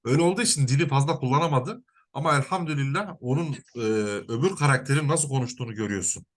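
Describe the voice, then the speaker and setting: A husky man with a lively, rising and falling pitch leads a spiritual counseling session. He gives firm, repetitive commands and chants prayer words over and over. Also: very fast.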